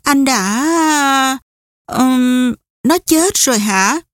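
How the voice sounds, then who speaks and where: A woman's voice: high voice, animated, very slow, no echo, clean studio sound, voice pushed up, heavily acted. A woman reading an anxious young wife who stammers her questions, in an audiobook. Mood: stammering.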